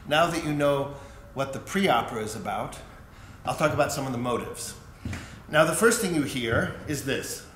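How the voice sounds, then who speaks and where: Speaking at a moderate pace in an animated, mid-range voice, a man who conducts gives a casual spoken introduction by retelling an opera's story and briefly performing the characters' lines. The room is echoey, with a little background noise.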